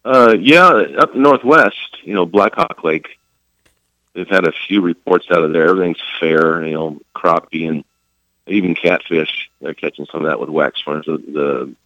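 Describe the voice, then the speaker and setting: A man's voice: low-pitched, moderate pace, pushed and bright, no echo. A man phoning in to a radio show as a guest, chatting casually over a dull phone line. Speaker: store representative giving fishing reports by phone.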